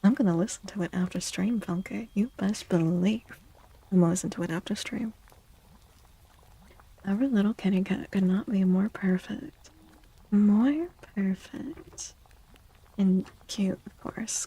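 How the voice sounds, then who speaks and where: A woman hosts a streamed ASMR tarot reading, speaking softly and very close to the mic, frequently drifting into a breathy whisper. Her manner is playful, cutesy and affectionate. Her pitch is medium and the audio quality is poor.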